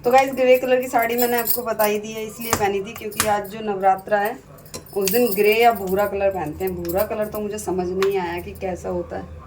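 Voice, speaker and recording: A woman's voice: medium pitch, little pitch movement, a little fast, darkish tone. A woman vlogging casually at home, chatting with her viewers and calling them guys as she cooks. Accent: Hindi. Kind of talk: casual home vlog chat. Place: home kitchen. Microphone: phone camera. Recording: noisy home phone recording.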